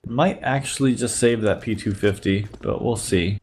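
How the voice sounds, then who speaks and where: Faint hiss or hum accompanies this low-leaning, slightly nasal male voice. He sounds sick but stays relaxed, narrating gameplay at a normal speed as a YouTube host doing a review.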